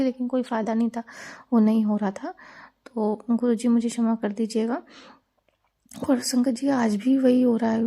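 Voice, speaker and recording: Woman, flat delivery, mellow voice, devotional testimony, frequent restarts. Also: fairly high pitch. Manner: fast, rambling talk with many restarts and fillers. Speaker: devotee sharing a gratitude satsang.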